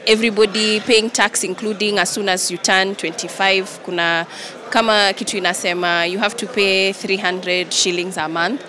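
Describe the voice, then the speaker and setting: Steady in tone, pushed and bright, a young Kenyan-accented woman's mid-range voice moves at normal speed as she speaks into reporters' handheld microphones. The impromptu interview takes place in a large indoor event hall, switching between English and Swahili, with clear background noise from the busy hall.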